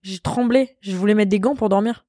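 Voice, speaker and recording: A woman's voice: medium pitch, a little fast, warm tone, dry recording. Young woman, podcast co-host, playful, slangy, teasing, dry close mic. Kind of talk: casual chat.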